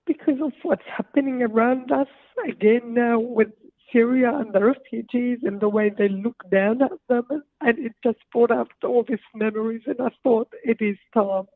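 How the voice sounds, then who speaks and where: Heartfelt woman with a creaky phone-line voice. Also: fairly high pitch, fairly even intonation, moderate pace. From Lebanon. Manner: earnest, heartfelt, hesitant fillers. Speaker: author guest. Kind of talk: phone interview. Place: her home. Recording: tinny dry phone line.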